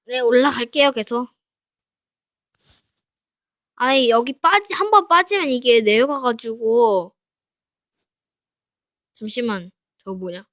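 A woman's voice: fairly high pitch, slow pace, pauses often, no room sound. Playful young-sounding woman gaming. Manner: playful, chatty, talks to herself and viewers. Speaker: game streamer. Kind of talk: casual Minecraft parkour playthrough commentary.

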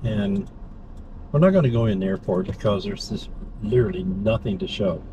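A man's voice: fairly low pitch, moderate pace, muffled recording. Man chatting casually over car noise. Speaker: vlog host and driver. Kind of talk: casual chat while driving. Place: inside a car, driving. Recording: noisy moving car interior. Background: car and road noise.

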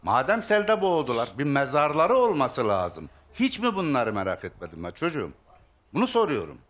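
A man on a studio talk show panel, questioning a guest in a calm, probing way. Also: mid-range voice, moderate pace.

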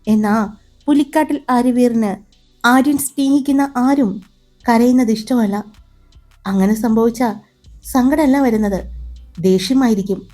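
A woman's voice: fairly high pitch, moderate pace, pauses often, mellow, faint music behind, natural voice. Woman reading a confident young sister-in-law. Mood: reassuring. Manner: explanatory, confident.

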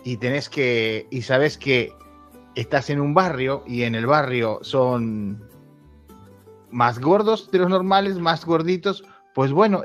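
A Uruguayan man in his thirties, a YouTuber talking candidly in an interview, laughing often and restarting his sentences. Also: mid-range voice. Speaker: YouTuber guest. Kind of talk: casual interview chat. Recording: dull lo-fi sound with faint music.

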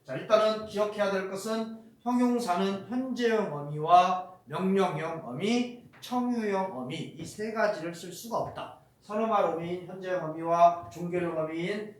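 A man's voice: high-pitched, normal speed, hardly any pauses. A man teaching Korean grammar in a recorded lecture, explaining rules and speaking example sentences aloud, with frequent fillers. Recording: very echoey room.

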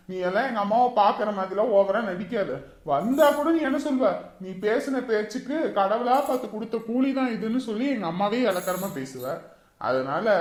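An actor playing a grieving young husband who hurls bitter, shouted accusations at his father in a TV serial. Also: very high voice, echoey room.

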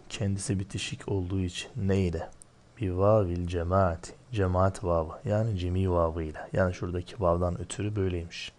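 A man teaching Arabic grammar, asking and answering his own questions, slowing down over each term. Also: low-pitched, a little mellow. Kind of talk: grammar lesson, explaining line by line.

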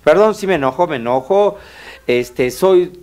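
A man's voice: on the high side, expressive, measured pace, a little mellow. A man with a Mexican Spanish accent co-hosting a radio talk show, speaking candidly and bluntly about himself and laughing often. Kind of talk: casual radio chat.

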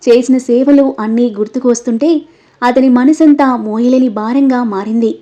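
A woman narrating a romantic story in a steady, expressive storybook reading, on a dull, lo-fi recording. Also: a little high.

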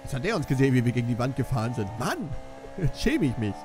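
During a racing game, a young man delivers quick, very animated let's-play commentary in a medium-pitched voice, full of jokes at his own expense. Game music and car sounds play in the background.

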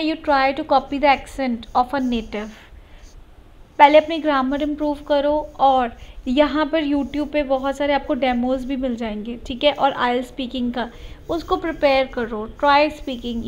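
A woman's voice: sits high, fairly even intonation, unhurried. A woman IELTS teacher with a slight Punjabi accent runs a live online class, mixing Hindi and English and reassuring her students. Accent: Punjabi-tinged Indian English. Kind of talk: live online class, reading viewer comments.

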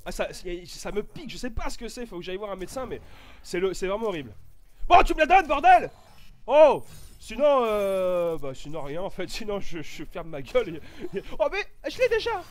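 A high-pitched man talking through his gameplay in a casual, excitable way. His voice leaps all over the place, and he bursts into swearing and shouting before settling down again. His nose is stuffy and itchy. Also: fairly quick. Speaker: gaming YouTuber.

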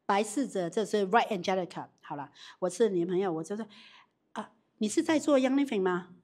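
A woman leading a live business training with audience questions, animated and quick to restart her sentences. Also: mid-range voice.

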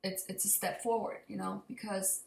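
Recorded in an echoey open kitchen and living room on a desk-distance computer mic, a young adult vlogger offers a halting, rambling, unscripted update to camera. Her mid-range voice is a little mellow with little pitch movement, slightly raspy from allergies, with vocal fry.

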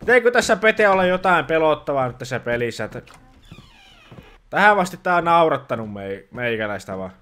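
A man's voice: fairly high pitch, sing-song, a bit bright. A man doing casual let's-play commentary as a grumpy dad, exasperated and scolding, grumbling at the game as he plays. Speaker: gaming channel host playing a dad persona.

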